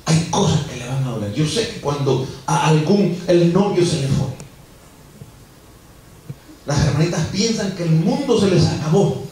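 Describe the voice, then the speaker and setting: Male pastor, repetitive preaching style, high voice, distant mic in a reverberant church. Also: expressive, moderate pace, darkish tone, slight background noise. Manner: preachy, repetitive, addresses the congregation directly. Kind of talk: sermon. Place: church sanctuary. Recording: echoey church recorded from a distance.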